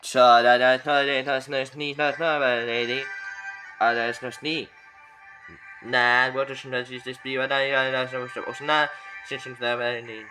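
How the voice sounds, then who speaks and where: A man commenting casually on an old TV recording for his channel, rambling and halting and often repeating himself. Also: mid-range voice, flat delivery, pushed and bright, soft background music. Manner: halting, repetitive, trailing off.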